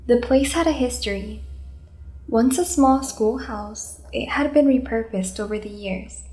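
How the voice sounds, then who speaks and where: A woman narrating a scripted first-person scary story in a measured, suspenseful manner. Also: fairly high pitch, a little mellow.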